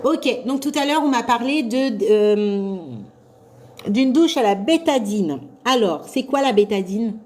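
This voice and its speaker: A woman giving a live revision class to nursing assistant students, loud and carrying, chatty and encouraging. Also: a little high, lively intonation, a little slow.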